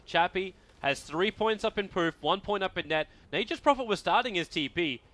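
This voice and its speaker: A man doing live esports play-by-play commentary, excitable and rising to shouts at big plays. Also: sits high, normal speed.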